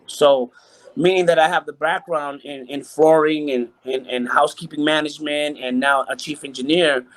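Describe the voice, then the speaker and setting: Appearing by video call in a relaxed interview, a Puerto Rican man who works as a hotel chief engineer keeps repeating himself and starting sentences over. He speaks in a slightly high, fairly bright voice, and the recording is rough.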